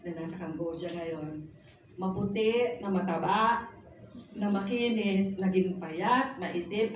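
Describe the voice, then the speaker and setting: A woman's voice: mid-range voice, a little mellow. A middle-aged woman, a pastor's wife, telling her personal testimony in a chatty way, mixing English phrases into her talk and speaking politely. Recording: echoey room, mic at a distance, faint noise.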